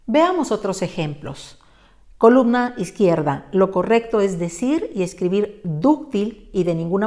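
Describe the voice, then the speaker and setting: A woman teacher giving a patient, clearly explained online lesson and speaking directly to the viewer. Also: medium pitch, mellow. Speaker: Spanish teacher. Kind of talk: online lesson on pronunciation and spelling.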